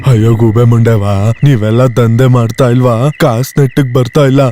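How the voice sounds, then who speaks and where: An actor playing a coarse, bossy gang boss who scolds the group over money. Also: male voice, medium pitch, fairly even intonation, brisk, over music, lightly acted. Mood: scolding. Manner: coarse scolding, then coaxing. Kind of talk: film drama acting.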